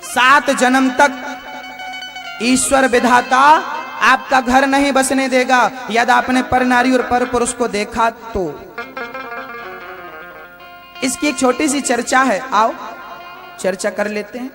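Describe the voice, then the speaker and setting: A man's voice: extremely high pitch, fairly even intonation, takes it slowly, vocal fry, pauses often, over music. A man preaching a devotional sermon, asking rhetorical questions and repeating phrases for emphasis.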